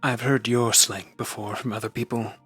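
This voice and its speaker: A man's voice: medium pitch, steady tone, moderate pace, a bit bright, slightly rough, faint music behind. A man voicing a haughty, self-assured student with a dry, superior manner, in character during a tabletop game.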